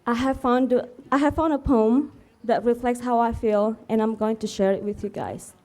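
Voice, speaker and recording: Tender widow with a high, mellow voice. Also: female voice, fairly even intonation, normal speed. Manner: heartfelt, earnest and tender. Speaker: widow giving a eulogy. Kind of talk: memorial speech. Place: room full of mourners.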